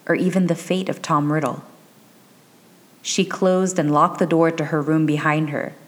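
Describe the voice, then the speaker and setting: A woman narrating a fan fiction chapter in a measured, even storytelling delivery. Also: low voice. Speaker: audiobook narrator.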